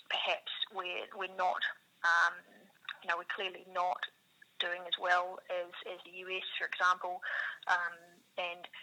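On a rough recording, a New Zealand woman speaking as a business co-founder works through interview questions in a reflective, roundabout way, leaning on "you know." Her voice sits on the low side, bright and forceful.

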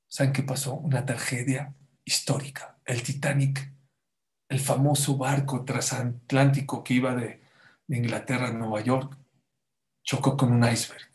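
A man preaching a sermon to a congregation, dramatic, dropping to a hush and then rising loud as he acts out the people in his stories. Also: medium pitch. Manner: dramatic, swings from hushed to loud, acts out quotes.

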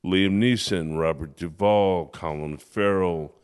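A man's voice: low voice, slow pace. A man co-hosting a podcast in casual chat, enthusiastic and effusive about what he likes. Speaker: podcast co-host.

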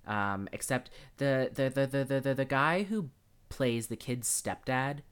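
A woman's voice: rumbling low, a little slow, smooth. A woman hosting a podcast, ranting comedically about a film with profane, exasperated outbursts and many ums and restarts. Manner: exasperated, profane, builds into loud incredulous outbursts; frequent ums and self-interrupting restarts. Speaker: podcast host. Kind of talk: comedic movie-review rant.

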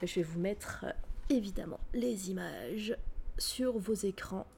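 Young woman co-host, casual live-stream talk, lots of hesitations, mid-pitched voice. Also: measured pace, gravelly, a little mellow, breathy edge. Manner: hesitant, many fillers and restarts. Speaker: co-host of a web radio stream. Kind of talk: casual live-stream chat, book recommendation.

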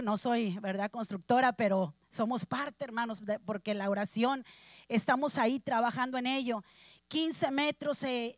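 A high-voiced woman preaches in a dry, close recording. She tells a personal testimony with feeling and keeps turning to the congregation as brothers and sisters. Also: a bit bright, no echo. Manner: addresses congregation as brothers, emotional storytelling. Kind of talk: sermon testimony.

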